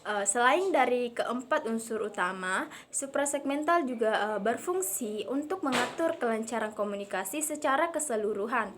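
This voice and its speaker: A young woman reading a language lesson aloud as a student presenter, steady but dotted with hesitant fillers. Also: fairly high pitch, moderate pace, a little hiss or hum. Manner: reads steadily with frequent "eh" fillers and restarts. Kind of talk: read-aloud lesson explanation.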